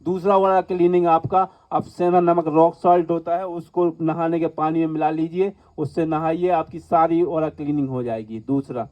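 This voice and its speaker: Higher-pitched man teaching a spiritual class. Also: steady tone, moderate pace, hardly any pauses. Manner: earnest, instructive, with stories and repeated emphasis. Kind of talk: spiritual healing lecture to a class. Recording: muffled lo-fi recording.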